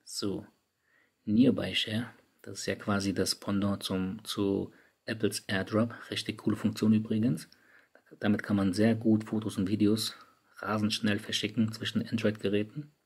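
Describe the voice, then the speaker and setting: A man with a low, gravelly voice and a slightly husky edge talks viewers through phone settings. He keeps it casual and chatty, speaking directly to his audience. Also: little pitch movement, moderate pace. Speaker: tech YouTuber. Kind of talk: screen-recorded app tutorial. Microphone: studio microphone.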